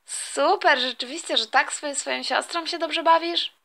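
A woman's voice: high-pitched, normal speed, vocal fry, sharp tone, heavily acted. A woman voicing a puzzled, suspicious older sister in a toy story role-play. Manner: musing, suspicious.

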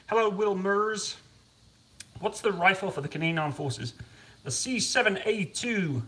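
Heard from a camera on a tripod across his kitchen, a young man's voice sounds high, bright and forceful, roomy and distant with slight background noise. He's cooking on a live stream and chatting casually, rambling and putting himself down.

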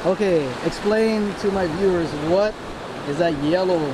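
A man's voice: high voice, moderate pace, a loud crowd, low-quality recording. A man chats casually as a vlogger, asking a friend questions. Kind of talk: casual chat. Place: outdoors on a rocky shore. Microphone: handheld camera. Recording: loud surf and wind noise.

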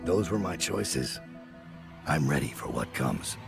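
This heavily acted, very deep and gravelly male voice plays a brooding, world-weary middle-aged master assassin, menacing yet remorseful, in video game monologue and combat lines. He delivers them grim, deliberate and measured, with a somber, reflective mood, yet animated. Long reverb and music sit underneath.

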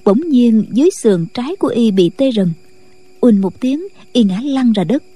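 Warm-voiced woman reading a martial-arts tale. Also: on the high side, normal speed, breathy edge. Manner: steady, even storytelling. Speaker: audiobook narrator. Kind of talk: scripted late-night story narration.

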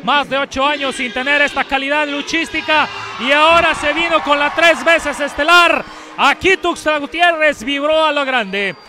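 High-voiced man, shouted wrestling commentary, crowd. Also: normal speed, background noise. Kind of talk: live lucha libre commentary. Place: large packed indoor arena, ringside. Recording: loud arena crowd behind the voice. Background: cheering crowd.

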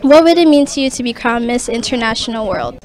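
A woman radio host asking quick, upbeat questions into a handheld mic at an indoor event. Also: on the high side, lively intonation. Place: indoor event room by a banner. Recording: noisy crowd chatter behind.

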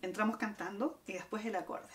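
A woman's voice: mid-range voice, fairly even intonation, brisk. A woman teaching a guitar lesson, explaining step by step and counting out the strums. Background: acoustic guitar playing.

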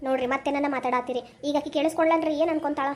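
A woman voices a practical village mother in a family cartoon who comforts her daughter and gently scolds her husband in North Karnataka Kannada. Her voice is high and her talk is brisk. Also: fairly even intonation, lightly acted. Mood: advising.

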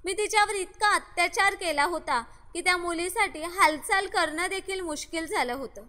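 A woman narrates a scripted first-person story in a steady, even reading with no fillers. Her voice sits very high and sounds sharply bright. A long hall reverb trails behind every line. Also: moderate pace.

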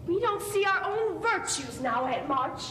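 A woman's voice: animated, unhurried. Earnest young sweetheart, played by a woman for period stage drama, heard from far off with noise. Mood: defiant. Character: earnest, flustered, proud young woman in love. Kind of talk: amateur stage play acting. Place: theatre stage, indoors. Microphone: far camera. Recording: noisy, rumbling, echoey distant stage recording.

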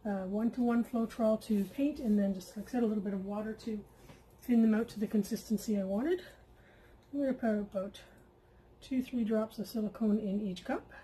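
A Canadian woman runs an acrylic pouring channel and talks briskly in a mid-range voice during a relaxed, chatty painting tutorial at her home craft table, peppered with fillers and asides. She senses she's losing her voice, and the low-quality audio has a little hiss or hum.

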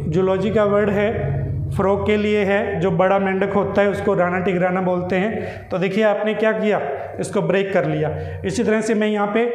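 A man teaching English as a lesson, explaining slowly, repeating key words and asking and answering his own questions. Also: high-pitched, darkish tone. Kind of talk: classroom-style lesson. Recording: echoey room with long reverb.

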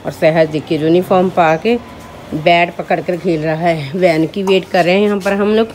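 A woman's voice: on the low side, steady tone, normal speed, darkish tone, slight background noise. A woman in her thirties with a sore throat, chatting casually to viewers while filming at home on a handheld phone. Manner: chatty, addresses viewers as friends. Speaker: vlogger, mother. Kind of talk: casual home vlog narration. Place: home, kitchen and rooms.

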